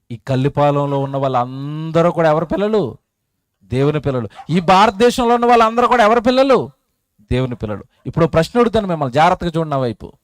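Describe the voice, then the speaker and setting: Male preacher, high and dry, emotive rhetorical questions. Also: no echo. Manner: emotive, rhetorical questions to the crowd, swings loud and soft. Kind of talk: sermon at an outdoor public meeting. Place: public meeting.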